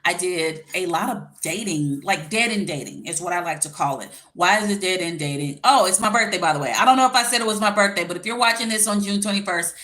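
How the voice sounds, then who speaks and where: Lowish voiced woman in her 40s, life coach chatting on a livestream, bit of a lisp from her retainer, real informal. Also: fast talker, few pauses, pushed and bright. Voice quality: slight lisp from wearing a retainer. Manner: informal, colloquial, direct address to viewers. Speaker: life coach and YouTube host. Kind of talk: casual livestream chat giving dating advice.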